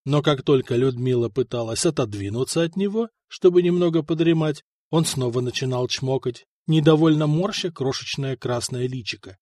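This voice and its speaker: A man narrating a historical novel in a measured, even storytelling manner. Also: mid-range voice, no echo, clean studio sound. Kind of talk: audiobook narration.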